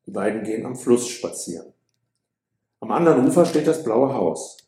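A man narrating a story for an audiobook in a calm, measured way. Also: mid-range voice, roomy sound.

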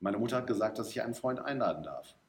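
A man's voice: fairly low pitch, animated, quick pace. A man voicing an earnest, awkward young schoolboy in a read-aloud story, in a slightly raised voice. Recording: roomy echo.

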